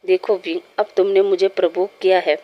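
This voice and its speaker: A woman's voice: fairly low pitch, flat delivery, fairly quick, dull audio, close to an everyday voice. A woman voicing a pushy, playful adult male lover who pleads and teases insistently, read aloud in a storybook. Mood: pleading, teasing.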